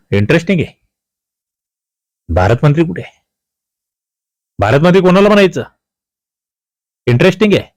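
Here a male coaching teacher, mid-pitched, goes question by question through an exam, putting each to the learner and answering it himself in a didactic manner. The sound is dry, with very little room and no echo.

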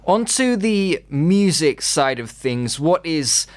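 A man hosting an interview, asking questions in a measured, formal way. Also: a little high, sing-song, no room sound. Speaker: interview host.

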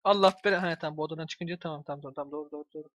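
Excitable fast-talking young man gaming. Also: fairly high pitch. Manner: excitable, swears at the game, talks to himself. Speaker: gameplay commentator. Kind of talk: casual let's-play commentary. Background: game music.

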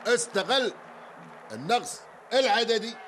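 A man with a Kuwaiti Arabic accent giving live handball commentary, excitable and shouting often, repeating phrases again and again. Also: very high voice, measured pace, a little hiss or hum.

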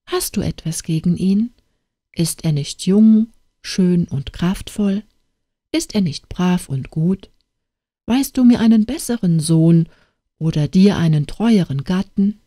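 A woman's voice: on the low side, animated, slow, mellow, no echo, clean studio sound. A woman voicing a stern old father in an audiobook tale, speaking in a reproachful, urging way.

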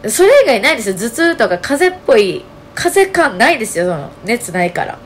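A woman with a Kansai accent talking casually to her channel, her voice hoarse and nasal, telling her story with lots of fillers. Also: fairly high pitch, a little fast, slight background noise. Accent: Kansai Japanese. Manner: chatty, animated storytelling with many fillers. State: hoarse, strained voice. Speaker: channel host. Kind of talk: casual solo vlog talk.

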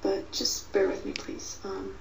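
Quiet teenage girl, creaky late-night vlog. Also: mid-range voice, level tone, a little hiss or hum, rough recording. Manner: speaking quietly at night so as not to wake someone; halting, self-conscious. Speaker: video blogger. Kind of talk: casual rambling video blog. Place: small bedroom, indoors. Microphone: webcam or computer mic at desk.

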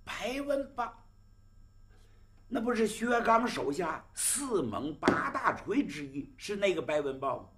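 Storyteller man as a gravelly, effusive bandit chieftain. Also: medium pitch, big pitch swings, slow, pauses often. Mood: astonished. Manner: effusive, exclaiming. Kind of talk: dramatic storytelling role.

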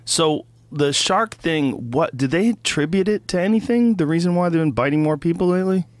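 A man's voice: a little high, a little fast, dry recording. A man hosting a podcast in casual chat, talking bluntly with lots of profanity. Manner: blunt and profane, lively and animated. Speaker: podcast host.

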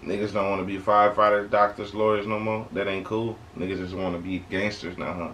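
A man's voice: fairly low pitch, little pitch movement, brisk, fairly bright tone. A young man with an American accent hosts a reaction video with casual, slangy commentary, repeating points for emphasis. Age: young adult. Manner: slangy, conversational, emphatic repetition. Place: small bedroom indoors. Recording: clear background noise, home webcam recording.

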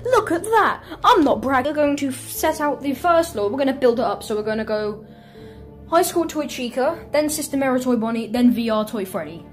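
Excitable high-voiced young woman gamer. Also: brisk. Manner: excitable, squealing exclamations. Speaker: gaming YouTuber. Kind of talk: excitable let's-play commentary. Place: home bedroom. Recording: faint game music behind.

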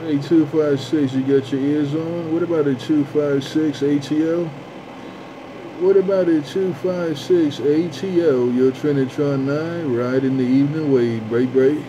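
Static hiss and a dull lo-fi sound color this CB radio chat, where a male operator repeats his call-outs and stretches his sign-offs into a drawl. His voice is a little high, his tone steady, his pace measured.

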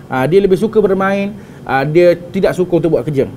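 A man's voice: high voice, fairly quick, darkish tone, a little hiss or hum. A young man with a Malaysian Malay accent giving a religious talk on parenting, chatty, with frequent tag questions and English phrases mixed in. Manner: conversational, frequent "kan?" tags and restarts. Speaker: religious teacher.

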